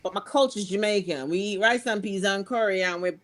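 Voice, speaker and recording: A woman's voice: mid-range voice, fairly quick. A middle-aged woman from England with a London accent, speaking as a guest in a frank conversational interview, telling her story earnestly and with animation, often restarting her sentences. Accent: London English.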